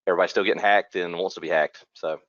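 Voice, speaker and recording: Deep monotone guy, laid back, dry muffled call audio. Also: rapid-fire, no echo. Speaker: panel guest, security team manager. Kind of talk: casual panel chat.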